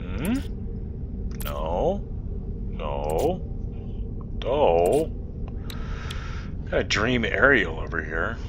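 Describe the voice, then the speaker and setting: With a sing-song delivery, drawn-out words, and long pauses, a man hosts a gaming channel, thinking aloud and mumbling in rambling, easily delighted commentary. A loud, constant rumble in the background makes the recording very noisy.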